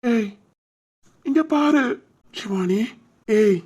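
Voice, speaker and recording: A woman's voice: a little high, expressive, very slow, darkish tone, breathy edge, full character voice. A woman voicing a loving, anxious young husband and father in a cartoon family drama, talking in an emotional, protective way.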